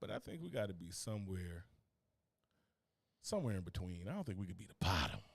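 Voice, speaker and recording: Recorded dry with clean studio sound, a Newark, New Jersey podcast co-host has a low, creaky, sing-song voice and speaks fairly quickly. He's laid-back and profane, rambling with laughs through a casual chat.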